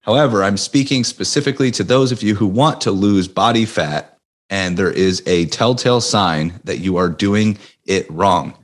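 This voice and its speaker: A man hosting a podcast in an energetic, motivational way, still recovering from losing his voice. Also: on the low side, moderate pace. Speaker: podcast host. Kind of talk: casual podcast monologue.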